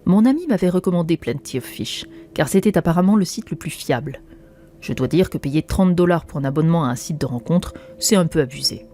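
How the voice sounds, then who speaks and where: A woman telling a first-person story in a plain, conversational way. Her voice is low and mellow, and faint music plays under her words. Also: expressive, a little fast. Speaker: narrator. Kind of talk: scripted first-person narration.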